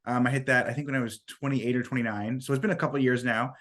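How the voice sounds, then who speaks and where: Hoarse American man with a smoker's rasp. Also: medium pitch, steady tone, very fast, a bit bright. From small town in Washington, United States. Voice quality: raspy like a smoker, from being sick. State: sick, hoarse. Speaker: podcast guest. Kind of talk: casual interview storytelling.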